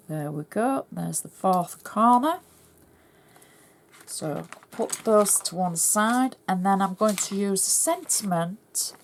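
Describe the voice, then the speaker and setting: A middle-aged woman with a Yorkshire accent, chatting through a cardmaking tutorial and explaining each step as she works. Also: mid-range voice. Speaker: craft tutorial host.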